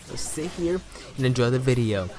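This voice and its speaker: A young man hosting an anime vlog, talking in an animated, joking, playful way to his viewers. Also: mid-range voice, moderate pace, over music. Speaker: anime YouTuber host. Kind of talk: casual vlog commentary.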